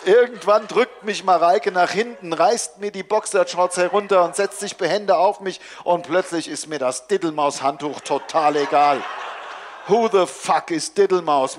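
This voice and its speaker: A man in his forties giving a comic live reading of his own novel, narrating in a dry, deadpan first person. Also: on the high side, noisy background. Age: 40s.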